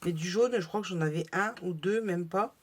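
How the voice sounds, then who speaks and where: A woman's voice: fairly low pitch, a little fast. Chatty French woman showing craft buys. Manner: chatty, hesitant with many fillers. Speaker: crafting vlogger. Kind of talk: casual haul video.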